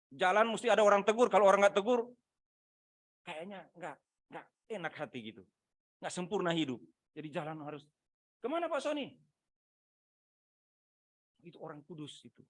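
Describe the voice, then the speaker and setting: A man preaching a sermon over a video call, swinging between loud emphatic lines and quiet asides, often asking his listeners rhetorical questions. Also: a little high, no echo. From Manado, Indonesia. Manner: asks the congregation rhetorical questions. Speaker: pastor.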